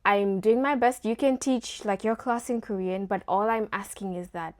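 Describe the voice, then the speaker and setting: In a mid-range voice at a moderate pace, a young adult woman from Kenya chats casually as a guest. An engineering student, she leans on "like" and "you know," and English is one of several first languages for her.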